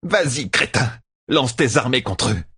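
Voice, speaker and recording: A man voicing a hateful, scheming female sorceress who snarls insults in a raised, husky voice. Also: medium pitch, lively intonation, measured pace, bright, forceful tone, voice pushed up, full character voice. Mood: gloating.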